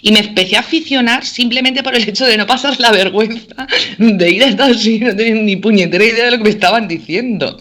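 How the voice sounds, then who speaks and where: A woman's voice: fairly high pitch, quick pace, few pauses, fairly bright tone. A middle-aged woman from Spain, a teacher chatting casually and filling her talk with "o sea" and "¿vale?". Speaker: teacher and guest. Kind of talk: casual chat.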